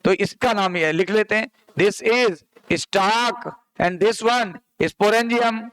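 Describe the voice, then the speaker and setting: A man's voice: high voice, extremely slow, a bit bright, clear, resonant tone, dry recording, poor audio. A man teaching a biology lesson, asking students questions and answering them himself, explaining with everyday comparisons and repetition. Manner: quizzes students and answers his own questions. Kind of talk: classroom lecture.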